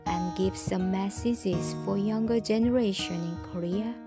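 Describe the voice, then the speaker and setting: A woman reading scripted interview questions as a measured voice-over. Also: medium pitch. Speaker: narrator. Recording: voice-over with guitar music behind.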